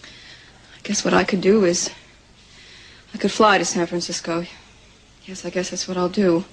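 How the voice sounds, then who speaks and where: A woman's voice: lowish voice, flat delivery, measured pace, slight background noise, natural voice, low-quality recording. An actress playing an anxious, proud young pregnant woman in a 1980s soap opera, talking hesitantly with stumbling restarts. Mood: anxious, defensive.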